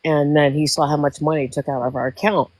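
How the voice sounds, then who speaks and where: A woman's voice: sits low, fairly even intonation, fast talker, a little mellow, no room sound. A woman in her sixties, a livestream guest, telling a story in casual chat, emotional and rambling, often repeating herself. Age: 60s.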